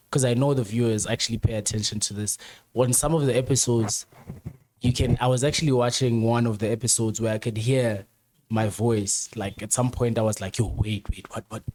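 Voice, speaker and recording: A man's voice: mid-range voice, normal speed, darkish tone, a little hiss or hum. A man, a guest on a casual chat show, talking emphatically in slang and often repeating or restarting his phrases. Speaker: guest, camera operator.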